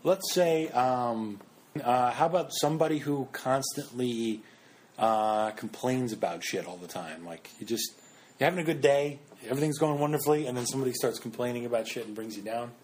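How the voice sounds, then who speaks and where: A man's voice: medium pitch, normal speed, darkish tone, slight background noise. A young man co-hosting a casual podcast chat, rambling and hesitant with lots of fillers. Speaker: podcast co-host.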